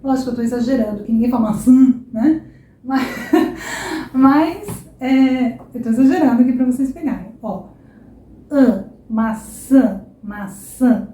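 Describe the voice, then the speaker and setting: A woman's voice: sits high, expressive, moderate pace, mellow, roomy sound. A Brazilian woman teaching Portuguese pronunciation, stretching and exaggerating vowels to demonstrate them and checking in with the learner often. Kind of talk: language lesson to camera.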